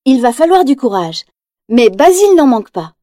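Storybook narrator, woman, lively read, warm mellow timbre. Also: high-pitched, normal speed, no room sound, studio quality. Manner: lively, acts out quotes in raised voice.

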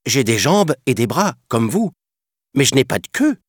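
A man's voice: mid-range voice, sing-song, normal speed, slightly rough, no echo, clean studio sound, voice pushed up. A man voicing a brave, defiant young boy raised in the jungle, speaking in a bold and eager way in a storybook reading. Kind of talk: storybook narration.

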